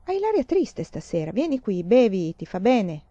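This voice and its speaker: A woman voicing a suave, self-assured young man, coaxing and smooth, in a slightly muffled recording. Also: medium pitch, very animated, moderate pace, dark tone, no echo.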